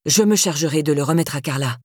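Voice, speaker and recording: A woman's voice: low-pitched, fast talker, a little mellow, husky, no room sound, studio quality. A woman voicing an imposing, domineering man who speaks in a brusque, threatening way. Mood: menacing. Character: imposing, menacing middle-aged man, domineering.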